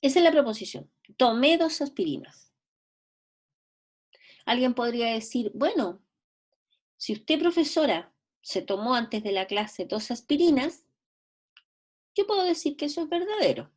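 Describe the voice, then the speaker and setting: Explanatory woman teacher, slightly high voice. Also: big pitch swings, a little slow, long pauses. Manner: explanatory, repeats and rephrases, checks understanding. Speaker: logic teacher. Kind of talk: recorded lecture.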